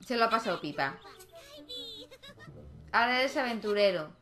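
A woman's voice: a little high, lively intonation, moderate pace, crowd noise. Chatty woman narrating her life-sim game. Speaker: gaming channel host. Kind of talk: casual gameplay commentary.

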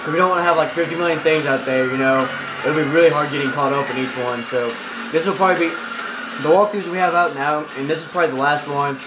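A young man with a rather high voice rattles off goofy, casual commentary on a game playthrough, filmed by a camera in a room facing a TV. He's quick, throws in nonsense noises and sing-song bits, and the roomy audio catches game music playing from the television amid a noisy background.

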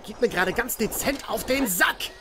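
A woman's voice: a little high, expressive, moderate pace, music in the background. A woman commenting on her own video game play in a chatty way, talking to her viewers and cursing the enemies. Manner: chatty, addresses viewers as "ihr Lieben", mild swearing at enemies. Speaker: let's player.

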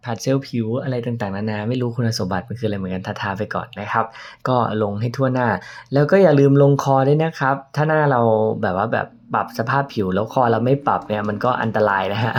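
A man chatting casually through an everyday makeup routine in a vlog, playful and joking at his own expense. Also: medium pitch. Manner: playful, chatty, laughs at himself. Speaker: makeup vlogger.

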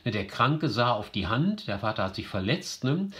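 A man's voice: medium pitch, sing-song, moderate pace, fairly bright tone. A man teaching literature, reading a short story aloud and stopping to explain it, thinking aloud with many fillers and restarts. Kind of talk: explaining a literary text with read-aloud passages.

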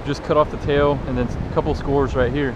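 A young man filming a fishing vlog on a beach, talking to viewers in a joking, excitable way. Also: medium pitch, fairly quick, dull audio. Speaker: fishing vlogger. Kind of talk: casual excited vlog commentary. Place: beach by the surf, outdoors. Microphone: action camera. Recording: wind and surf noise.

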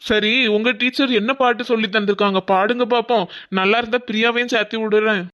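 A chatty woman helping at a music class in a cartoon, as a woman voices her. She talks quickly. The recording is dull and lo-fi. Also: a little high, steady tone, fairly bright tone, natural voice. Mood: friendly.

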